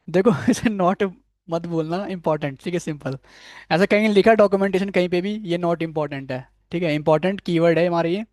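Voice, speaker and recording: A man's voice: on the high side, a little mellow, dry recording, clean studio sound. A man giving a live coding lecture on web development. He often asks his students questions and keeps saying "ठीक है". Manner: admits struggling with a technical word. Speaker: programming instructor.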